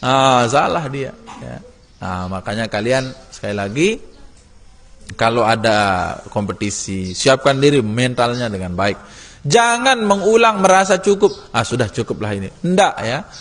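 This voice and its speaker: A male religious teacher leads a classroom lesson, exhorting and teasing his students. His voice sits at an ordinary mid pitch. It rings with the long reverb of a large hall. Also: expressive, a little slow, fairly bright tone.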